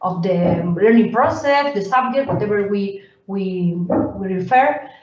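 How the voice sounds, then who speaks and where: A woman giving an academic workshop presentation, halting and full of fillers and restarts. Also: medium pitch, lively intonation, darkish tone. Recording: roomy, distant, dull sound.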